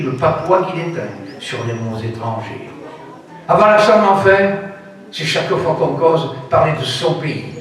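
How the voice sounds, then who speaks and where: A man with a southern French accent, from Provence, reciting a poem on a festival stage in a declamatory manner, his pitch and loudness swinging widely. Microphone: distant stage recording. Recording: very echoey, from far off.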